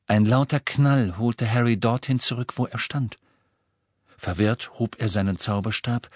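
A man narrating a fantasy audiobook in a measured, dramatic storytelling manner. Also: lowish voice, dry recording, studio quality. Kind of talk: scripted narration.

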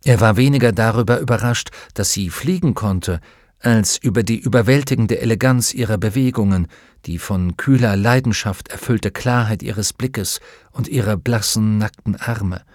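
A man narrating a fantasy audiobook in a measured, expressive reading. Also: lowish voice, no echo, clean studio sound. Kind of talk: scripted narration.

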